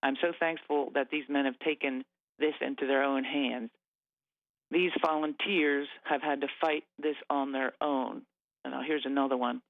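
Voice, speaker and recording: A man calling in to a radio show over the phone, talking in an agitated, halting way with many fillers and restarts. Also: mid-range voice, fairly even intonation, dry recording. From Nova Scotia. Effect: radio show caller on a phone line. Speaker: caller. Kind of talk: agitated call-in talk. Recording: tinny phone line.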